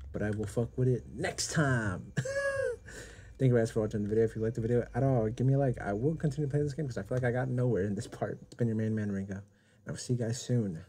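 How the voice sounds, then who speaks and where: A young man plays a horror game and talks to his viewers, swearing freely at every scare. His voice is mellow in tone but jumps around a lot in pitch. Faint keyboard clicking sits under the talk. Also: slight background noise. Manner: profane, jumpy reactions. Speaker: gaming YouTuber. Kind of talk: casual game commentary.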